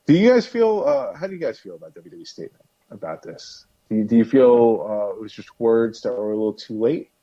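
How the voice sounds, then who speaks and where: A male podcast host leads a casual discussion, rambling and restarting often. His voice is on the low side, very animated and brisk. The recording is dry, dull and lo-fi.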